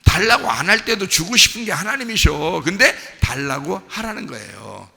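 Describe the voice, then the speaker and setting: A male pastor preaching a sermon in a conversational, animated way, acting out a father and his children, recorded in a church sanctuary. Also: sits high, moderate pace, vocal fry. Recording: church sanctuary with long reverb.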